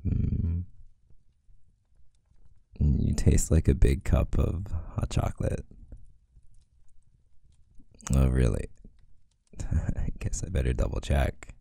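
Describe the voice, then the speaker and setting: A man in a whispered role-play as a playful, teasing boyfriend, speaking softly and affectionately. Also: extremely low pitch, takes it slowly, vocal fry, long pauses, husky, dry recording. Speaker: audio role-play creator.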